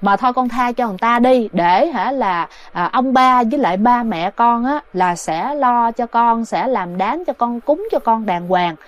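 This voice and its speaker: A woman voicing an elderly male relative who gently coaxes a ghost to let go, in a told ghost story. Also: a little high, expressive, normal speed, few pauses, highs cut off, natural voice. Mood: coaxing.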